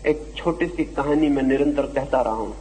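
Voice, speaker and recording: A man giving a slow, deliberate spiritual discourse, his voice swelling and dropping for emphasis. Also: mid-range voice, a little mellow, long reverb tail, poor audio. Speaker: spiritual teacher. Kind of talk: philosophical discourse.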